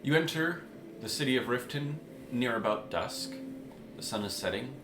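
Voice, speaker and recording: A man running a tabletop game as game master, calmly narrating scenes. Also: mid-range voice, moderate pace, noisy background. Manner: calm, descriptive narration. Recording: roomy sound with music behind.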